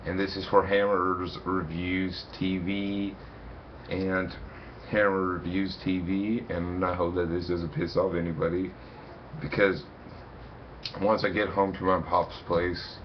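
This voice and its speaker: A young man giving a casual to-camera review from a small room, rambling, repeating his words and reading haltingly. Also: deep voice, level tone, slight background noise. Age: young adult. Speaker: video reviewer. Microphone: webcam. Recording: dull lo-fi webcam sound.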